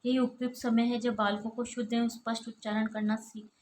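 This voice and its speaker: An assistant professor gives a recorded college lecture, working steadily through lists of examples. Her voice sits on the high side, a little fast and a little mellow, with little pitch movement. The room is echoey, with faint ambient noise.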